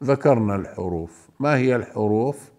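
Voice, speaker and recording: A man teaching Quran recitation rules, speaking slowly and deliberately, drawing out the example words and repeating his points to his listeners. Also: fairly low pitch, lively intonation, a little mellow. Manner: addresses listeners fondly as beloved ones. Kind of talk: slow tajweed lesson with recited examples.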